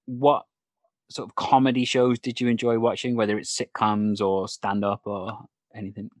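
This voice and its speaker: A man's voice: lowish voice, level tone, moderate pace, no echo. A man hosting a casual interview, chatting and asking questions. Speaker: interview host, improviser.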